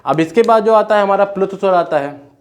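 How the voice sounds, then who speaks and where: Man teaching, dictating notes. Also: high voice. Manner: repetitive, dictating notes slowly word by word; asks questions and answers them himself. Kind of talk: classroom lecture.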